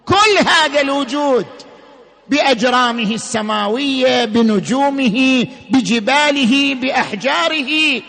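A man giving a sermon-style religious lecture, emphatic, slowing and rising on key words. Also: extremely high pitch, creaky, pushed and bright, big-room sound.

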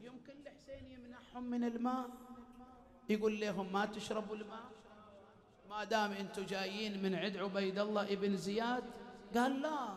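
A male preacher delivers a mourning sermon, moving from storytelling into sung, wailing lament. His voice sits very high. The recording carries a long, roomy hall reverb. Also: steady tone, fairly quick, pauses often. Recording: echoey hall.

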